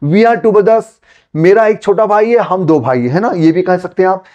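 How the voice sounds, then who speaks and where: A man from Gujarat with a Gujarati accent, a native Gujarati speaker, teaching spoken English in a relaxed conversational way and slowly repeating example sentences. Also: sits high, dull audio. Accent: Gujarati-accented Hindi. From Gujarat, India.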